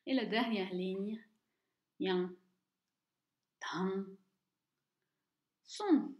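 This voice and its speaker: A woman teaching Tibetan reading, speaking slowly and carefully and repeating each word twice for the listener. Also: mid-range voice, darkish tone. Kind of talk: slow, deliberate language lesson. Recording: echoey room, dull lo-fi sound.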